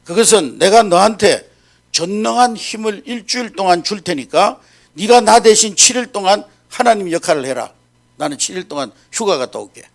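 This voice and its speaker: A male preacher voicing God as a weary, fatherly deity who scolds gruffly and speaks grandly. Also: sits high, lively intonation, normal speed, voice pushed up.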